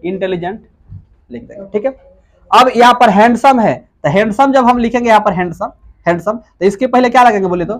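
In a classroom-style lecture, a high-voiced man teaches English grammar. He keeps posing questions and answering them himself, slowly repeating the key words.

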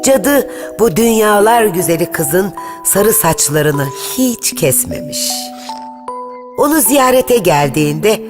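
A woman narrates a fairy tale in a lilting storytelling style with lively intonation. Her voice sits at medium pitch and moves at a slow pace. Clear background music accompanies the narration.

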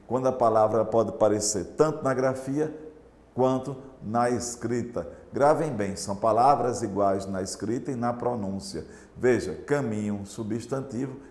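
A male teacher with a Brazilian Portuguese accent gives a recorded lesson, slow and emphatic, repeating key points and speaking straight to his students. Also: on the low side, darkish tone. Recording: echoey room with long reverb.

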